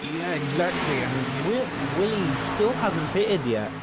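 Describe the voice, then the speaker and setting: A man's voice: fairly high pitch, measured pace, heavy background noise. Easygoing man co-commentating a sim race. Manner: relaxed, easygoing analysis. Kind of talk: sim racing colour commentary.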